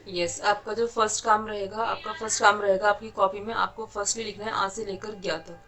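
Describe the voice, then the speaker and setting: Patient woman teacher, flat steady delivery. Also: medium pitch, a little fast, background noise. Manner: patient, explains step by step, often checks with "ठीक है". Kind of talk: online kindergarten lesson.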